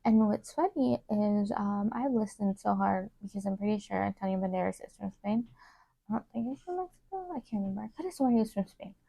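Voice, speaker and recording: A young woman chatting casually while doing her makeup, rambling with many fillers and trailing off into soft asides. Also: mid-range voice, fairly quick, gravelly, few pauses, no echo. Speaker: beauty vlogger. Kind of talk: casual get-ready-with-me chat.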